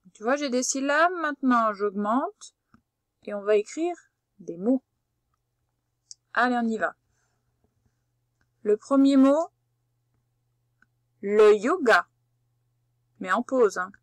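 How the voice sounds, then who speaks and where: Slow, patient teacher woman dictating. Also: fairly high pitch, expressive, no echo, clean studio sound. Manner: slow, patient and instructive, spelling out letters. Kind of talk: slow spelling dictation lesson.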